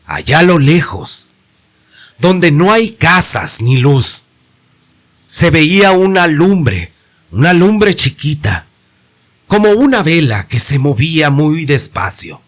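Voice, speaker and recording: A man narrating a horror legend in a deliberate, suspenseful way. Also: a little high, very animated.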